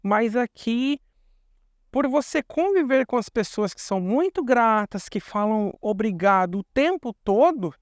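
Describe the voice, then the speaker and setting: Smooth-voiced Brazilian man vlogging. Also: extremely high pitch, lively intonation, measured pace, no echo, clean studio sound. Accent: Brazilian Portuguese. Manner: chatty, repeats words for emphasis. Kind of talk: casual explanatory vlog.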